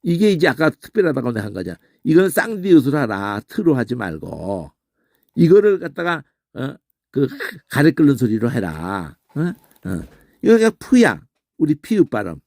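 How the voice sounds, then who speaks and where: A middle-aged man giving an informal pronunciation lesson, demonstrating sounds aloud and checking in with quick questioning grunts. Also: mid-range voice, huge pitch swings, gravelly, darkish tone, no echo, studio quality. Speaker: Bible language teacher.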